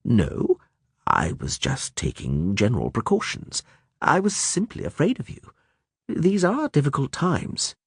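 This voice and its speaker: Voiced by a man, a courteous, grey-haired male vampire in disguise who talks in a measured, formal way. His pitch rises and falls a great deal, and his tone is slightly husky. The sound is dry and close. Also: wildly swooping pitch, no echo, exaggerated voice. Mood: calm.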